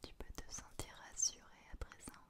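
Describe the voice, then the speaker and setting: A young woman whispering in a breathy, reassuring ASMR style, close to the microphone in a small room. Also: moderate pace. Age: young adult. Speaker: ASMR host. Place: small decorated indoor room.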